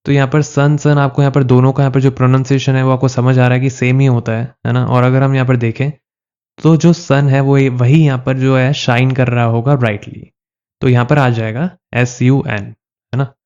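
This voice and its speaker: A man's voice: mid-range voice, level tone, moderate pace, a little mellow, clean tone. A man teaching an exam-prep English lesson. He keeps asking questions and answering them himself, and he repeats filler phrases over and over. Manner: repetitive, asks and answers his own questions. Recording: slightly dull, lo-fi audio.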